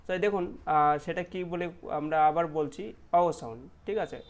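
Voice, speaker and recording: An English pronunciation teacher giving a lesson, repeating example words slowly and firmly and often checking that learners follow. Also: mid-range voice.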